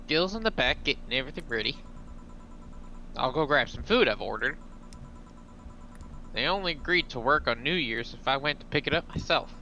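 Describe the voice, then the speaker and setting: A man's voice: mid-range voice, animated, normal speed, pauses often, pushed and bright, lo-fi sound. A man voicing a reassuring, easygoing woman bar boss in a game, encouraging, over background noise. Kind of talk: hobby video game voice-over.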